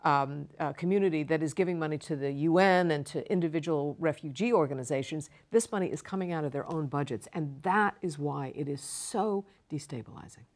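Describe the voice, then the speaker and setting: A woman appears as a guest expert in a broadcast interview, her low voice calm and measured as she explains. She leans on emphatic repetition to make her points.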